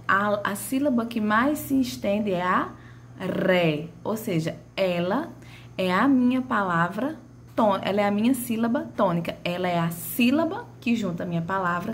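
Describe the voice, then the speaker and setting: A woman's voice: medium pitch, lively intonation, normal speed, a little hiss or hum. A woman teaching a grammar lesson, stretching out and calling out example words as she explains.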